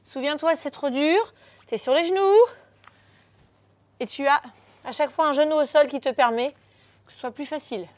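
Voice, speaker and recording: A woman's voice: high voice, moderate pace, pauses often, no echo. A woman coaching a beginner workout, upbeat and coaxing, counting moves aloud as she demonstrates. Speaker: fitness coach. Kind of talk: guided workout instruction.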